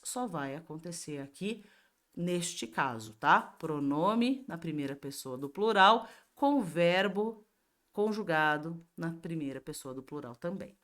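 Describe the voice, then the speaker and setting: A woman teacher with a Brazilian Portuguese accent giving a grammar review lesson, explaining step by step and asking herself questions before answering them. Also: lowish voice. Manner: slow and explanatory, asks and answers her own questions.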